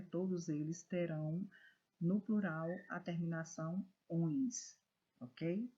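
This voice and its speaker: A Brazilian woman teacher giving a recorded lesson to children, reading words slowly and stressing syllables with care. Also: fairly low pitch, warm tone, slightly rough. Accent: Brazilian Portuguese. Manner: slow, careful, stresses syllables when reading words aloud. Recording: dull lo-fi recording.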